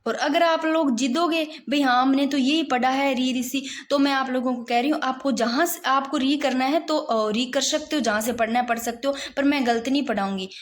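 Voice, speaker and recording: A woman's voice: high-pitched, moderate pace, few pauses. A young woman teaching Hindi grammar in a casual, insistent way, often saying "look" as she writes out examples. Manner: repeats "dekho" often, insistent and explanatory, writes while talking. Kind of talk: casual classroom explanation.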